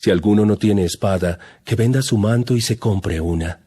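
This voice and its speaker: Jesus, a solemn low-voiced teacher. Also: male voice, warm tone, slightly rough. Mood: firm, serious. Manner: solemn, measured, earnest. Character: Jesus, calm solemn teacher addressing his disciples. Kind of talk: dramatized audio Bible acting. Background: music.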